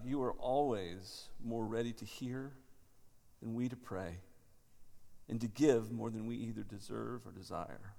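A man in his thirties, a pastor, leading a prayer and then giving a halting talk with many fillers and restarts in a large church, his voice ringing in a cathedral echo. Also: mid-range voice, vocal fry, a little mellow.

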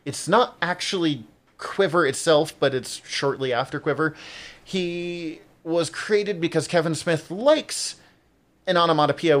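A man co-hosting a podcast, rambling through his thoughts, swearing often and laughing a lot. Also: on the high side. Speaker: podcast co-host. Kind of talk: casual chat.

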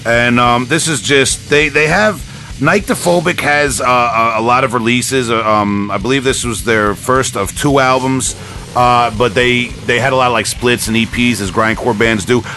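A man hosts a casual music podcast, rambling on like an enthusiastic fan, with music playing behind him. His medium-pitched voice sounds pushed and bright, at normal speed.

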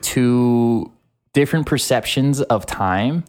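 A man hosting a podcast discussion, thoughtful and measured as he guides the conversation with questions. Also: mid-range voice, darkish tone. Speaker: podcast host.

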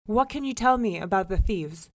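A woman voicing a commanding king in a folk tale, loud and quick to anger. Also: expressive, dry recording, lightly acted. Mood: demanding. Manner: booming, commanding.

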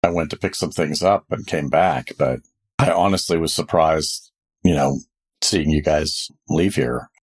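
A man plays a tabletop fantasy field agent, a man who handles things his own way. His voice is extremely low and husky, and his delivery is laconic and unruffled. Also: a little slow, exaggerated voice. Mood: matter-of-fact. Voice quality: deep. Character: Vlad, a deep-voiced male field agent, independent and matter-of-fact.

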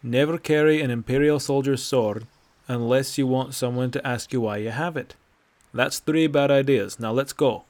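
A man's voice: mid-range voice, moderate pace, darkish tone, close to an everyday voice. A man voicing a sardonic old male Nord traveler with a dry, lecturing manner, in a read-aloud fantasy story. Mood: wry. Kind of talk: audiobook character voice.

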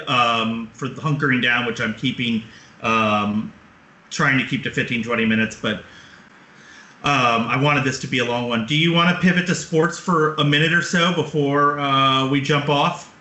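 A man's voice: mid-range voice, moderate pace, bright, forceful tone. A man in his thirties hosting a podcast over a remote call, rambling with fillers and restarts while his connection breaks up. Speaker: podcast host. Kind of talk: casual remote chat. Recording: echoey remote call line, dropping out.

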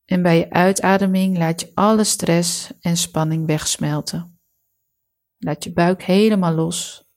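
A woman with a lowish voice and a gravelly creak leads a guided meditation. Her delivery is calm and soothing, with each instruction measured out for relaxation.

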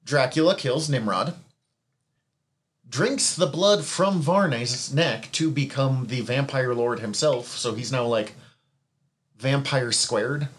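A man's voice: medium pitch, takes it slowly. A man co-hosting a podcast, recapping comic book history in a rambling, self-correcting way with chuckles at his own asides.

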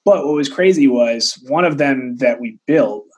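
A man's voice: medium pitch, a little slow, a little mellow, slightly rough, highs cut off. A man in his thirties, an interview guest telling casual stories with asides and frequent checks on the listener. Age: 30s. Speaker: interview guest, tech entrepreneur.

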